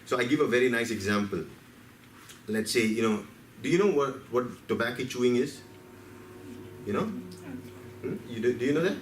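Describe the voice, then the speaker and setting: This seminar speaker from India uses a mid-range voice with big pitch swings, a moderate pace and frequent pauses. He tells stories to the live audience, asks them questions, and acts out his cells. He is heard from a distance in a roomy meeting hall, with faint ambience and slight background noise.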